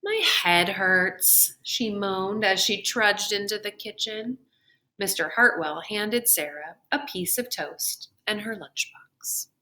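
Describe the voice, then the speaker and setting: Slow, bright-voiced woman teacher reading aloud. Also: mid-range voice. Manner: deliberate, addressing children. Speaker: elementary school teacher. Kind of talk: expressive read-aloud and talk to young pupils.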